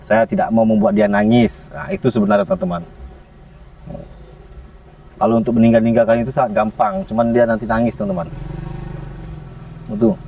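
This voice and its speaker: Male vlogger, gravelly and mellow, unhurried, gentle coaxing delivery; mic at a distance, dry. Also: on the low side, a little hiss or hum. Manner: gentle, coaxing, often chuckling. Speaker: pet monkey vlogger. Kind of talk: casual vlog narration to viewers.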